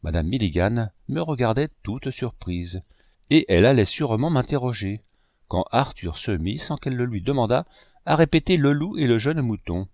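A man narrating a classic novel as an audiobook, measured and expressive, on a close mic. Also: medium pitch, no echo. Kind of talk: scripted narration.

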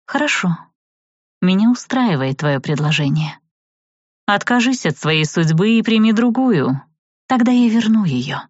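A woman voicing a cold, colorless otherworldly being who slowly offers a dark bargain, in an audiobook. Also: mid-range voice, dry recording, dull audio, pitched above the performer's own voice. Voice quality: colorless, flat.

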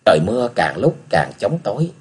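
A man narrating a martial arts novel as an expressive audiobook reader. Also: lowish voice, a little fast, husky. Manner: expressive storytelling, acting out characters. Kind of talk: scripted narration.

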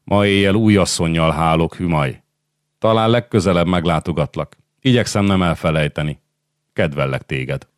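Egy rideg, fölényes szultán, akit egy férfi olvas fel, odavetett, elutasító hangon. Rendkívül mély és száraz hang. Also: male voice, low voice, no room sound, clean studio sound, lightly acted. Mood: dismissive. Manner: offhand, dismissive. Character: cold, aloof middle-aged sultan.

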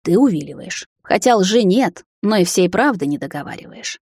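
A woman voicing a cold, commanding male vampire lord in an audiobook, speaking slowly and sternly. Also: medium pitch, expressive, darkish tone, slightly rough, no room sound, clean studio sound. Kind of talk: audiobook character voice.

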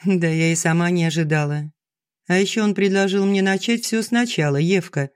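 A man reading an audiobook, voicing a gentle, soft-spoken aging schoolteacher who talks earnestly to her friend. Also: sits high, moderate pace, smooth, dry recording, clean studio sound, close to an everyday voice. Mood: confiding. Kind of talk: audiobook dialogue.

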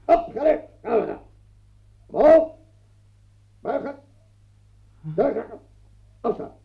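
A domineering tormentor barks orders and counts time, his voice high and swinging widely up and down, as a man plays him. He speaks slowly, with a gravelly grain to the sound. The old radio play recording is dull and lo-fi. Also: lively intonation, heavily acted. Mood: barking drill. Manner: barking commands, mocking, relentless. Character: domineering male tormentor, barking drill orders.

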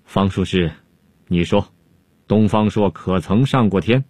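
Man playing a deep, stern ancient emperor. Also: measured pace, a little mellow, no echo. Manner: commanding, sarcastic.

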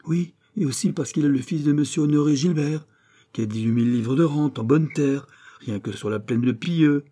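A man's voice: mid-range voice, moderate pace, mellow, pitched above the performer's own voice, close to an everyday voice. A man voicing a clumsy teenage schoolboy who pleads and whines with his teacher, in an audiobook. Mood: pitiful. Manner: pleading, whining.

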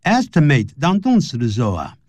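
A man teaching English grammar on a broadcast lesson, explaining in Chinese and reading English example sentences slowly and carefully. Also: medium pitch, wildly swooping pitch, a little mellow, no echo.

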